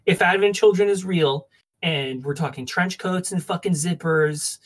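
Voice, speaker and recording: A woman's voice: on the low side, normal speed. A woman co-hosting a streamed podcast, chatting casually and playfully, with swearing rants. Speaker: podcast co-host. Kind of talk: casual chat.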